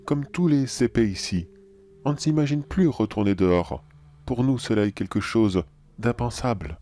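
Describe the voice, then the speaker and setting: A man playing a calm, philosophical cannibal anomaly in a horror audio drama, measured and politely menacing. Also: medium pitch, faint music behind, close to an everyday voice.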